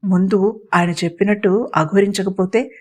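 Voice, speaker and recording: A woman's voice: steady tone, normal speed. A woman reading a story aloud as the narrator and voicing every character herself. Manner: voices all the characters herself with small pitch shifts.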